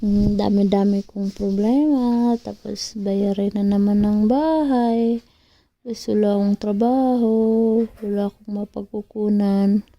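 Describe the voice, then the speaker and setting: A woman's voice: mid-range voice, fairly even intonation, unhurried, dark tone, no echo, highs cut off. A young Filipina mother with a Cebuano-touched accent, venting in a casual vlog with rueful, self-mocking sighs. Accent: Filipino, Cebuano-speaking. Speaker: mother vlogger.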